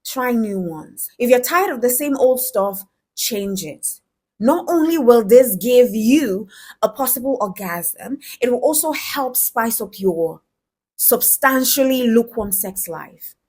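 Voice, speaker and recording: Husky-voiced woman chatting straight to camera, frank relationship tips, talks right at you. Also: fairly high pitch, expressive, slow pace, a little mellow. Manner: frank, conversational, addresses the viewer directly. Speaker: relationship advice vlogger. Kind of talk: direct-to-camera advice talk.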